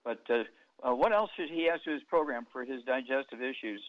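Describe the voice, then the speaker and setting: A man's voice: medium pitch, brisk, no echo. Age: adult. Sex: man. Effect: taped off the radio. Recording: dull, dry broadcast sound. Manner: quizzes callers, many "okay"s, folksy analogies. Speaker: radio health show host. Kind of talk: call-in radio consultation.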